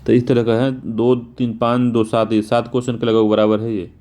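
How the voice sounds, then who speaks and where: A male teacher going through exam answers, spelling words out slowly and repeating them, casual in tone. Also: medium pitch, level tone, mellow. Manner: informal, repeats "theek hai" often.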